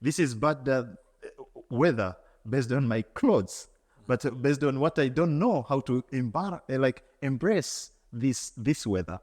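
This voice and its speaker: A man's voice: medium pitch, expressive, unhurried, darkish tone, long reverb tail. A man from Tanzania, answering as an interview guest in an earnest, reflective way, often repeating words and restarting.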